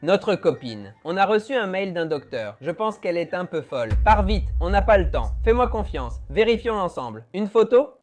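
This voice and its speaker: A man's voice: sits high, big pitch swings, moderate pace, few pauses, a little mellow, soft background music. A man who is a gaming youtuber, playing a horror game and joking his way through it while talking back to the game character. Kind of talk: let's play commentary.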